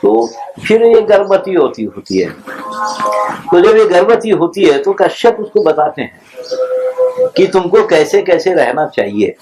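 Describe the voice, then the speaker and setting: A man giving an informal lecture, telling scripture stories in an unhurried, discursive storytelling way. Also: sits high, big pitch swings, a little mellow. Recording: noisy archival recording.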